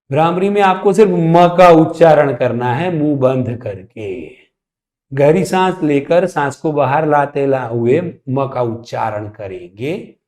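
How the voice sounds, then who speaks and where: A man teaching a yoga lesson in a calm, deliberate way. He speaks very slowly, in a slightly high voice. The sound is roomy and echoey. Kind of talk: slow spoken yoga lesson.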